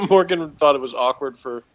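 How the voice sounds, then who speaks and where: A man with a slightly high voice chats casually while reviewing TV, chuckling often as he goes. He talks at a normal speed, and the audio quality is poor.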